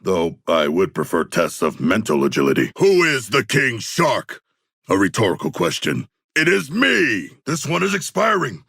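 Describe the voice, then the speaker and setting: A man playing a hulking, earnest shark warrior in a video game, speaking in stilted, grandiose, formal phrases with a gravelly, rough voice. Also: lowish voice, huge pitch swings, moderate pace, a bit bright, no room sound, clean studio sound, exaggerated voice. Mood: grand, eager. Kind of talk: video game character voice lines.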